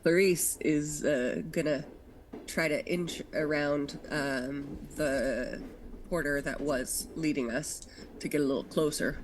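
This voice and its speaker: A woman talking casually and haltingly as a player in a tabletop game. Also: sits low, fairly even intonation, poor audio. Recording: faint background noise.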